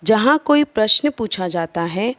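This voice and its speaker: A woman teacher giving a grammar lesson to children, explaining slowly and listing examples one by one. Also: mid-range voice, lively intonation, dry recording. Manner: slow, careful explaining with listed examples.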